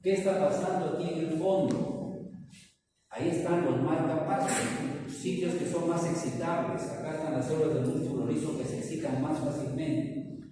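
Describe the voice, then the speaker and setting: A man's voice: a little high, normal speed, distant mic, background noise. A man lecturing a class, quizzing students by name and repeating key answers. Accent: Peruvian Spanish. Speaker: pharmacology lecturer. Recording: roomy classroom echo, recorded from afar.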